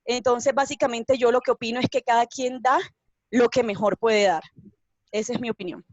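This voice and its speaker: A woman's voice: on the high side, fairly even intonation, moderate pace, darkish tone, no echo, muffled recording. A woman, a relative of a cancer patient, giving an emotional, hesitant personal testimony in a panel talk. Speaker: family member of a cancer patient.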